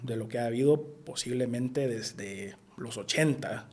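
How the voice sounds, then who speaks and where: A man's voice: medium pitch, unhurried, darkish tone. A man, answering interview questions as a political scientist, thoughtful with bursts of emphasis. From El Salvador.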